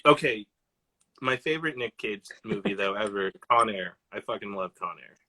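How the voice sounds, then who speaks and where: Excitable New man, bright voice. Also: on the low side, normal speed. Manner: excitable, swears freely, acts out quotes. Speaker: host. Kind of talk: casual chat on a live stream.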